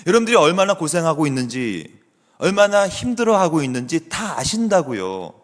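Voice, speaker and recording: A middle-aged man, a theology professor, preaching a sermon as a guest with animated storytelling, chatting with the congregation. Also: on the high side, brisk. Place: church sanctuary. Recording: long church hall reverb.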